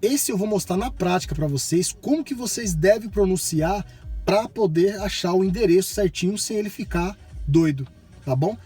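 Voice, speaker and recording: A man's voice: high voice, animated, moderate pace, mellow, husky. A man from Bahia with a Brazilian accent, giving a casual, colloquial tutorial and often checking in with viewers. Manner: colloquial, repeats himself, addresses viewers with check-in tags. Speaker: tutorial presenter.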